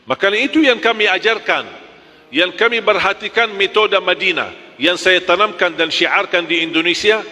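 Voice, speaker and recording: A man's voice: high voice, normal speed, sharp tone, in a large hall. A man teaching Quran recitation, drilling letters one by one and chanting examples, correcting sharply.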